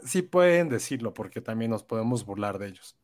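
A man's voice: medium pitch, expressive, fairly quick, crowd noise. A man hosting a film podcast in casual chat, teasing and joking with his co-hosts. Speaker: podcast host.

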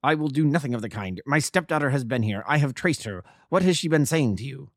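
Guy doing angry old bully doctor for an audiobook, snarly n threatening, pitched up, demanding answers. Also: animated, a little fast, no room sound, clean studio sound, lightly acted. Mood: indignant. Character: furious, menacing old male doctor, huge bullying villain.

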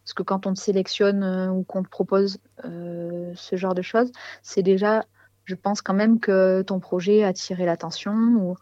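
A woman musician talks casually in an interview, often pausing to search for the right word. Her voice sits at an average pitch. The sound is very dry and a little dull. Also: little pitch movement, warm tone, dry recording. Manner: hesitant, searching for words.

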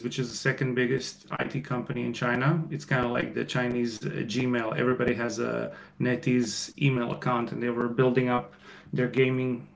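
A man from Croatia in his thirties, a podcast guest talking casually about his startup, with many fillers and pauses. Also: medium pitch, creaky, poor audio. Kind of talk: casual interview answers.

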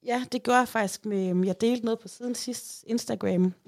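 A woman in her thirties telling a story in a casual chat, lively and animated, often acting out what others say. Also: on the high side, dry recording, clean studio sound. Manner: chatty, animated, acts out quotes. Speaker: podcast host.

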